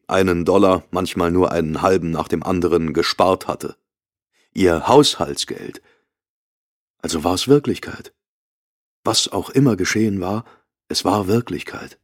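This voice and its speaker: A man narrating an audiobook in a very low, deep voice. His delivery is measured and even, in a steady storytelling pace. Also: no room sound, studio quality. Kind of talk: scripted narration.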